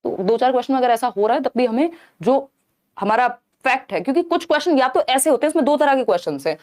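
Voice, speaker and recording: A woman with a slightly high voice teaches a live online exam-prep class. She breaks each point down step by step, mixing in English terms and pausing often to check that her listeners are following. The voice sits close to the mic. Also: expressive, darkish tone.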